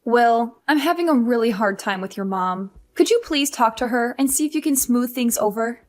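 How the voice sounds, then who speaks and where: A young career wife, voiced by a woman, pushes back in exasperation in an animated story. Her voice sits a bit high, pleading and indignant. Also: normal speed, lightly acted. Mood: exasperated.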